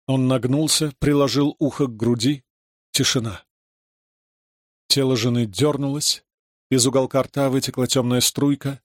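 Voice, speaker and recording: A man's voice: mid-range voice, fairly even intonation, no room sound. Man narrating a story, dry sound. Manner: measured, dramatic storytelling. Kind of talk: audiobook reading.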